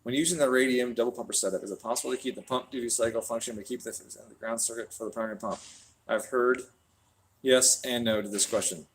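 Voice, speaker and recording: A man's voice: mid-range voice, fast, slight background noise. A man hosting a casual stream from a tuning shop, swearing freely and answering viewer questions. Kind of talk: casual livestream chat.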